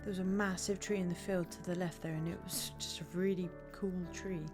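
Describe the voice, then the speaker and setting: A woman's voice: on the low side, steady tone, brisk, music in the background. A woman chatting casually and enthusiastically as she narrates a country walk for a vlog. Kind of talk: casual chat.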